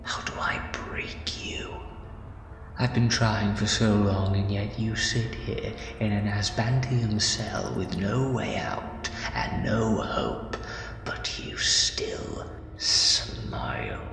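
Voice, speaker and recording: A man playing a gloating, menacing alien tyrant in an audio drama, taunting and theatrical, often dropping toward a breathy whisper. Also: lowish voice, slow pace, a bit bright, exaggerated voice. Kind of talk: fan audio drama acting. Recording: echoey, long reverb, music underneath.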